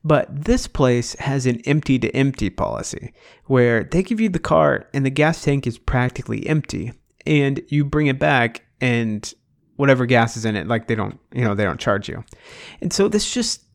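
Gravelly-voiced man rambling casually. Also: mid-range voice, animated, moderate pace. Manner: rambling, musing, full of "like" and restarts. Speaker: podcast co-host. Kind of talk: casual chat.

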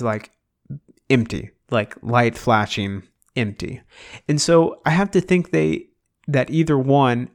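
A man co-hosting a podcast in casual chat. He rambles and muses aloud, restarting often and filling his talk with "like.". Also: mid-range voice. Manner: rambling, musing, full of "like" and restarts. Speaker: podcast co-host.

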